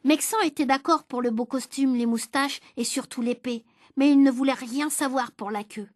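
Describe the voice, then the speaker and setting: A woman reads a children's storybook aloud with a high, clear voice and lively, even pacing. The sound is dry and close, with no room around it. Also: moderate pace, dry recording. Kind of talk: storybook reading.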